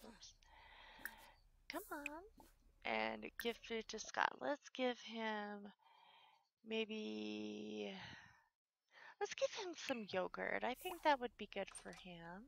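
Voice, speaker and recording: Slow, gravelly woman chatting over a game. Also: medium pitch, animated, a bit bright, dry recording. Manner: chatty, talks to the game characters and viewers, drifts into whispering. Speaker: let's play host. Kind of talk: casual game commentary.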